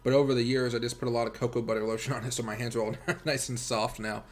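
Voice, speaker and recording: Here a crypto-trading American streamer rambles through laid-back commentary, speaking plainly to the people watching. His mid-range voice holds a level tone and moves at a quick clip.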